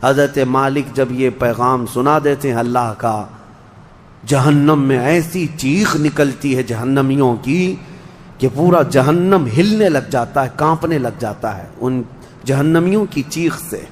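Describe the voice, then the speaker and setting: A man preaching an emotional religious sermon, swinging between loud cries and hushed lines and chanting scripture verses slowly. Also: mid-range voice, a little hiss or hum. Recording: long echoing hall reverb.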